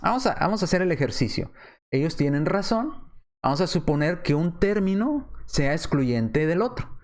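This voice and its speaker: A man's voice: on the high side, big pitch swings. Man preacher walking through an argument step by step, voice rises and falls a lot, keeps asking you questions. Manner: methodical, asks rhetorical questions, repeats points slowly. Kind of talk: apologetics lesson.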